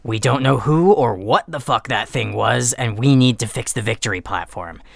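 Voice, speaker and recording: Man playing a gravelly, commanding troll leader who growls his orders. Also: medium pitch, animated, normal speed, a bit bright, dry recording, studio quality, heavily acted. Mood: irritated. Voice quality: scratchy, gravelly. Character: bossy young male troll leader, short-tempered.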